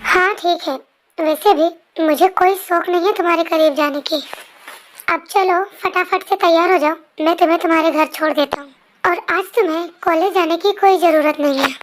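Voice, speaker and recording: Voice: very high-pitched, steady tone, moderate pace, a bit bright. A performer voicing a stern young male school principal who scolds curtly, in an amateur fan dub voice-over. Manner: curt, scolding.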